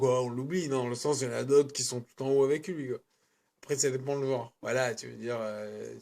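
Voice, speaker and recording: A man reviews a film in a casual, rambling way. His voice sits at a middle pitch, and he keeps backtracking and correcting himself. He talks loosely, with plenty of slang. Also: vocal fry, dark tone. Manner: rambling, self-correcting, colloquial.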